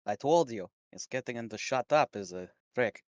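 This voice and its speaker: A man running a tabletop game, narrating in a lively voice that rises and falls a lot. He is mildly stuffed up and laughs often between lines. The sound is dry and close to the mic. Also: mid-range voice, normal speed, no room sound. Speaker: game master.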